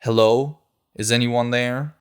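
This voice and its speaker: A man's voice: mid-range voice, animated, measured pace, darkish tone, close to an everyday voice. A man voicing a wary young woman survivor. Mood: calling out.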